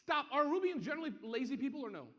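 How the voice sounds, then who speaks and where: A man giving an interactive business seminar to a live audience, energetic and constantly checking that people follow him. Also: extremely high pitch, fast. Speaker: seminar presenter. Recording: muffled, echoey hall.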